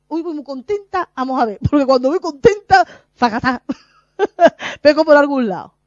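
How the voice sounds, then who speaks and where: Woman, high pitch, animated testimony, dull dry recording. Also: no room sound. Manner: animated, laughs often, acts out her own past voice. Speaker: lay preacher. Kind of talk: spontaneous spiritual testimony.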